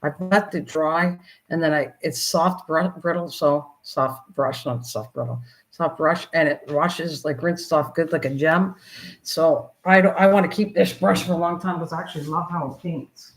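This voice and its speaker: This livestream host is an older woman whose voice sits low, moving at a moderate pace through a low-quality recording. Running a casual craft stream, she chats and rambles, addressing both herself and her viewers as she works.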